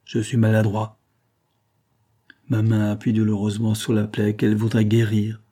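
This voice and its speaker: A man reading an ardent young man who speaks earnestly and imploringly, in a low, husky voice. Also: completely flat delivery, normal speed, mellow, lightly acted. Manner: fervent, imploring.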